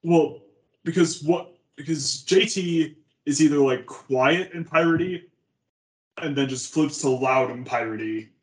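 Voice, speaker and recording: A man's voice: fairly high pitch, unhurried. Guy rambling on a podcast, says like a lot, echoey roomy sound. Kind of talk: casual podcast chat.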